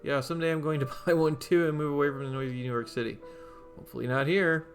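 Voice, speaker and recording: A man's voice: on the high side, steady tone, fast, soft background music. A man playing a game and reading its lines aloud, adding dry joking asides. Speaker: gamer playing through a game. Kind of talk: let's play commentary.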